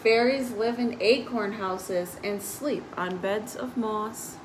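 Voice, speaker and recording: The audio is poor as a woman reads picture books aloud slowly on a children's live stream, her voice medium in pitch. She includes easy, informal asides for kids, with faint noise in the background.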